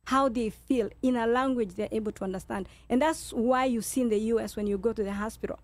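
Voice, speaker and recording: A woman with a Kenyan accent and a slightly high voice speaks as a guest on a talk show. She explains her points emphatically, often restating a phrase to drive it home. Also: fairly quick. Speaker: guest speaker, nurse leader.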